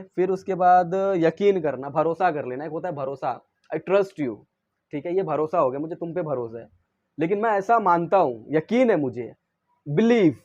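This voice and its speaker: A man's voice: fairly high pitch, darkish tone, dull audio. A man teaching English verbs in Hindi. He asks and answers his own questions and recites each verb's forms in English. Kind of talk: classroom-style lesson.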